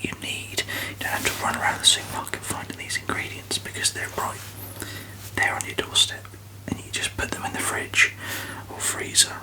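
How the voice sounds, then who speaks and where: A person whispering an ASMR review very softly, with tingly mouth sounds and halting, unhurried phrasing. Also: low-quality recording. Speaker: ASMR video host.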